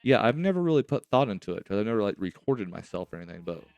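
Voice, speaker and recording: A man's voice: lowish voice, sing-song, very fast, clean tone, no room sound. A man with a slight lisp from wearing retainers, hosting a casual, chatty gaming let's-play and talking to himself as he plays. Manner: chatty, rambling, self-talk while playing. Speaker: host of a gaming series.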